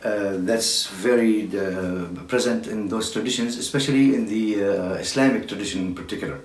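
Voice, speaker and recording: A man from Syria, a drummer giving an informal talk, halting with many fillers. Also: on the low side. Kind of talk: informal spoken lecture. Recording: echoey room, distant mic.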